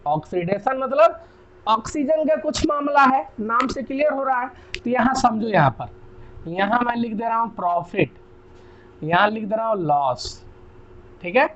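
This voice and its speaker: A young Indian man with an Indian accent, giving a chatty chemistry lesson and often checking "clear?". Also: high voice, a bit bright, highs cut off. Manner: chatty, repeats key terms, asks "clear?". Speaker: chemistry teacher. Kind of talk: casual classroom lecture.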